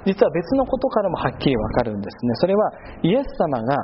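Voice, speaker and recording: Animated male preacher, muffled recording. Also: fairly high pitch. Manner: patient explaining, drawn-out fillers between phrases. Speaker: pastor. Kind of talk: sermon. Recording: muffled with steady background noise.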